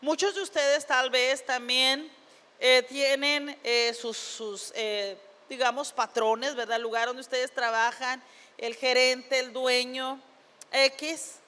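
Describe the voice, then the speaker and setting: High-voiced woman preaching slowly. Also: steady tone, bright, forceful tone. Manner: retells scripture in plain words, with frequent tag questions. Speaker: pastor. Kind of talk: sermon. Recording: long reverb of a church hall.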